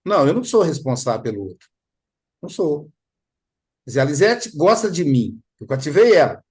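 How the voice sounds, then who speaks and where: A man leading a spiritist study group, talking in a lively way, acting out little dialogues and often adding tag questions. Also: fairly high pitch, a little fast, breathy edge. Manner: animated, acts out dialogues, frequent tag questions.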